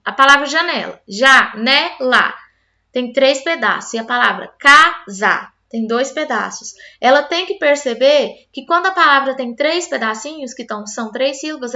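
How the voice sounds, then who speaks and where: A woman with a high, bright voice explains a lesson patiently, moving step by step and checking in with her listeners. The recording sounds a little dull and lo-fi. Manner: patient, explains step by step with frequent "tá?" tag questions. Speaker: teacher.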